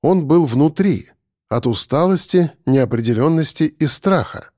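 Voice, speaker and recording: A man narrating an audiobook in an expressive, storytelling way. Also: a little high, a little slow, dry recording, clean studio sound. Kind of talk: scripted narration.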